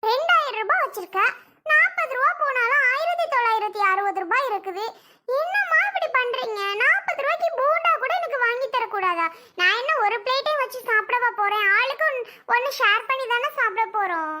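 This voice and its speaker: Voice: very high-pitched, expressive, fairly quick, noisy background. A performer voicing a whiny little girl begging her mother for snacks in a family drama skit. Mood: pleading.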